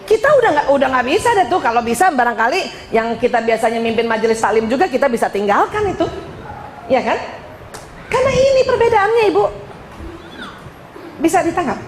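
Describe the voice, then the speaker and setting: A middle-aged woman giving a lively, joking talk to a women's study group, often addressing the listeners as "Bu". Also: very high voice, slight background noise. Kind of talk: lively talk with slides to an audience. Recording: echoey hall.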